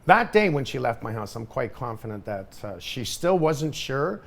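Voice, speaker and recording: A middle-aged man tells a story on his own podcast in an animated, emphatic way. His speech is casual, and he keeps circling back to the same points. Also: medium pitch, normal speed, gravelly. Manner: animated, emphatic, repeats himself. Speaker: podcast host.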